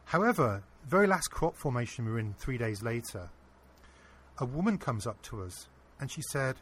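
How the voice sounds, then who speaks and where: A man being interviewed, earnestly telling a personal anecdote in a casual, animated way. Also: mid-range voice, normal speed, slight background noise. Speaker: interview guest. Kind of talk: casual storytelling.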